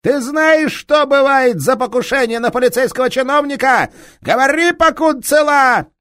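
A man's voice: extremely high pitch, moderate pace, fairly bright tone, dry recording, studio quality, voice pushed up. A man voicing a furious, brutal police detective who bellows threats in an audiobook. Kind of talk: audiobook character reading.

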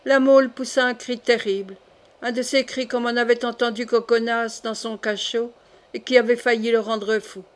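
A woman narrating a classic novel as an audiobook, in an even, measured storytelling voice. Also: fairly high pitch.

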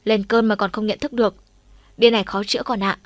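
A woman voicing a blunt, scolding middle-aged mother with a gruff, sarcastic manner in audiobook dialogue. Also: mid-range voice, fairly even intonation, fairly quick, no room sound, lightly acted.

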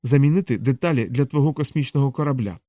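A man's voice: mid-range voice, fast talker, warm tone, dry recording, clean studio sound, natural voice. A man reading the lines of a haughty, curt wealthy man in a cold, dismissive tone. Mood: sharp. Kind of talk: audiobook character reading.

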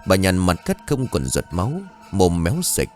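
A man narrating a scripted horror story in a slow, suspenseful reading voice. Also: deep voice, very animated, a little mellow. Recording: music bed behind the voice. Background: faint music.

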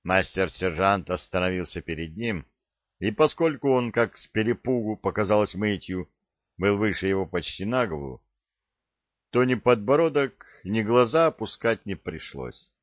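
A man reading an audiobook in a measured, steady storytelling manner. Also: fairly low pitch, no echo, dull audio. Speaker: audiobook narrator. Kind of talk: scripted audiobook narration.

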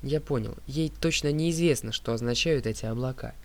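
A man reading an audiobook as narrator, in a steady, clear voice that drops low on speaker tags. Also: fairly quick. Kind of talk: scripted narration.

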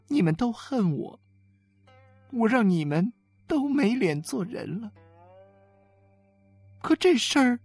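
A woman's voice: on the high side, breathy edge, exaggerated voice. A woman playing a weeping ashamed young wife. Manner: weeping, pleading. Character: tearful young wife forced to confess, ashamed. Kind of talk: audiobook dialogue performance.

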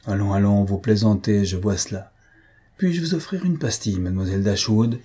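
A man voicing a vain, foppish young gentleman who talks in an affected, mocking, chatty way. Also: lowish voice, fairly quick, husky.

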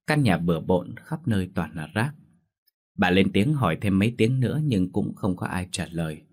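A man narrating a ghost story in a slow, dramatic manner. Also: low voice, expressive, husky.

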